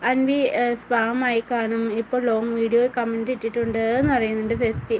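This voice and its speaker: A woman's voice: on the high side, flat delivery, normal speed, a little mellow, a little hiss or hum, low-quality recording. A woman hosting a casual live stream at home, reading viewer comments aloud and answering each viewer by name in a chatty way.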